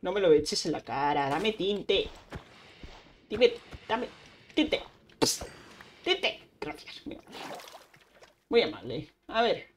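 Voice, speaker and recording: A woman's voice: on the low side, big pitch swings, slow pace, long pauses, slight background noise. A woman, streaming Minecraft casually, chatting to herself and making little sound effects as she plays. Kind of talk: casual Minecraft let's play.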